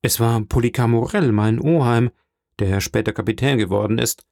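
A man reading the part of a hearty middle-aged shipowner in an audiobook, lively and confiding. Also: mid-range voice, moderate pace, creaky, no echo, clean studio sound, close to an everyday voice.

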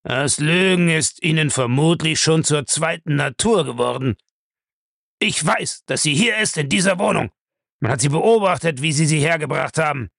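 A man's voice: on the high side, animated, moderate pace, vocal fry, fairly bright tone, no room sound, clean studio sound, pitched above the performer's own voice, exaggerated voice. A man reading a novel aloud, voicing an irascible, domineering old man who demands answers. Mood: demanding.

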